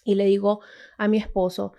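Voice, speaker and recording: A woman's voice: mid-range voice, little pitch movement, moderate pace, gravelly, dark tone. A woman from Latin America telling a casual, emotional personal testimony, full of restarts and asides. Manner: emotional, storytelling, many restarts and "o sea". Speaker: testimony speaker.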